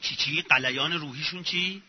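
A man giving an informal religious lecture, sarcastic and acting out mocking examples as he talks. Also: on the high side. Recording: muffled echoey hall recording.

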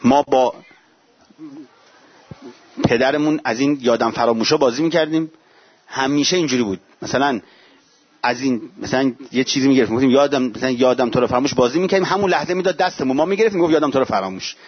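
A man gives a religious sermon in a lively, conversational way with playful asides. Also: medium pitch, slightly rough. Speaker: preacher. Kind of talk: religious sermon to a live audience. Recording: dull lo-fi recording.

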